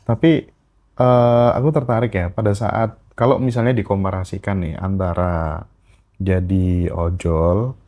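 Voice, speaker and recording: Male host, very low and mellow voice, calm and thoughtful. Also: a little slow. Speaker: podcast host. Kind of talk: reflective interview questions.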